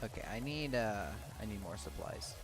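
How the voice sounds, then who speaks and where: A man's voice: fairly low pitch, expressive, normal speed, faint music behind. A man chatting casually while gaming, laughing often and hesitating a lot. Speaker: co-player.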